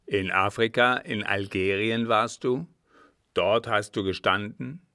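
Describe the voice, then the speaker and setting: A man voicing a furious old captain who barks and growls loud, angry questions in an audiobook reading. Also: fairly low pitch, takes it slowly, no room sound, clean studio sound, heavily acted. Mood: growling angry. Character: old furious male captain, a snarling bully.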